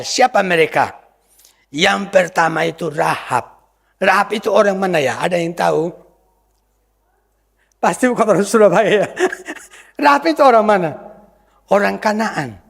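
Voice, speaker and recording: A man's voice: sits high, gravelly, fairly bright tone. A man preaching a sermon as pastor, often asking the congregation questions and pressing his points with emphasis. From Indonesia. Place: church hall. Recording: church hall reverb.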